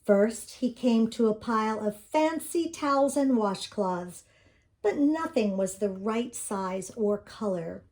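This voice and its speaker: A woman's voice: fairly high pitch, animated, slow, darkish tone. An older woman reading a children's picture book aloud in a sweet, grandmotherly storytelling manner.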